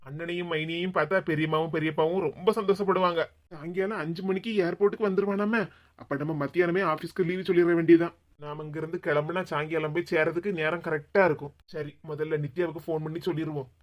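A performer voicing a good-natured young male office worker in an animated cartoon, speaking with a Kanyakumari Tamil accent in a teasing, pleading manner. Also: medium pitch, quick pace, lo-fi sound, close to an everyday voice.

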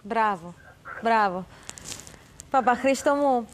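A woman television host with a Cypriot accent gives short, agreeing replies in a warm interview chat. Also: on the high side, animated, a loud crowd. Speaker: TV show host.

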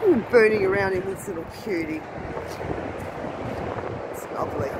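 A woman vlogger walks an outdoor car wrecking yard with her phone in hand, giving relaxed, appreciative commentary full of musings and rhetorical questions. She has a mid-range voice and moderate pace, and the noisy recording picks up lots of wind.

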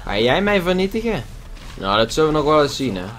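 A man's voice: fairly high pitch, big pitch swings, fast. A man giving casual gameplay commentary at his computer, swearing a lot with exaggerated frustration. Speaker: gaming YouTuber. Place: at a computer desk with a loud keyboard. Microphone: desk microphone.

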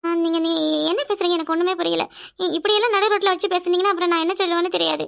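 A woman's voice: very high voice, steady tone, racing, vocal fry, full character voice. Stern young village woman. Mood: curt. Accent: southern Tamil. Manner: curt, sharp-tongued, scolding. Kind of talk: cartoon voice acting.

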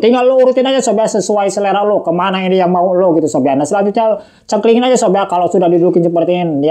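A man walks viewers through a remote-control setup in a casual how-to, chatty and repetitive, saying himself that he talks too fast. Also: high-pitched, mellow. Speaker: tech tutorial host.

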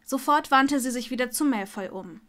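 A woman reading fan fiction aloud as an audiobook narrator, steady and expressive. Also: high voice, normal speed. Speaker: audiobook reader.

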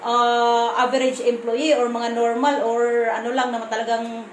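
Visayan woman vlogger, firm blunt delivery with halting restarts, high voice, roomy echo. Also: little pitch movement, slight background noise. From Visayas, Philippines. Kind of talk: casual vlog to camera. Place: room at home.

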